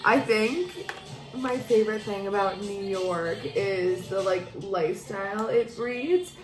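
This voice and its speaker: An echoey room with music playing, and a giggly, drunk woman in her twenties talking in a mid-pitched voice. She rambles effusively in casual chat with a friend and swears freely. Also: slow. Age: 20s. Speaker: vlogger doing a drinking makeup challenge.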